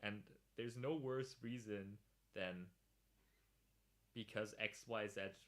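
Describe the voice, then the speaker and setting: A man's voice: lowish voice, steady tone, slow pace, fairly bright tone. A man hosting a livestream podcast, chatting casually, laughing often and reacting to viewers in chat.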